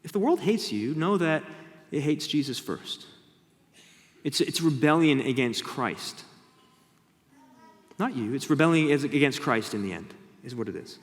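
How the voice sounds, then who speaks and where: Canadian pastor preaching in a reverberant hall. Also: male voice, on the high side, animated, measured pace. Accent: Canadian English. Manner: conversational, acts out mocking voices with sudden loud jumps. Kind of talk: sermon.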